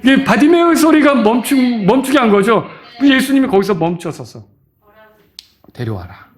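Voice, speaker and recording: A middle-aged man preaching a sermon as pastor, acting out quoted voices and shouting at the high points. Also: lively intonation, brisk.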